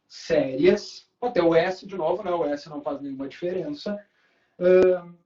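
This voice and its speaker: At the board, a Brazilian Portuguese-accented man leads a grammar lesson, drawing key words out slowly and frequently asking if students are following. His pitch sits fairly high with a warm tone, though the recording sounds muffled.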